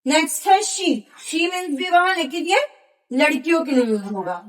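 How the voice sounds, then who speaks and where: A woman's voice: very high-pitched, expressive, normal speed. A woman teaching a grammar lesson, explaining patiently and spelling out examples one by one.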